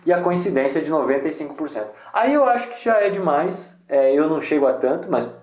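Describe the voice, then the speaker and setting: A man's voice: a little high, big pitch swings, fast, darkish tone, roomy sound. A man giving a casual screen-share tutorial, thinking aloud with many restarts. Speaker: poetry channel host.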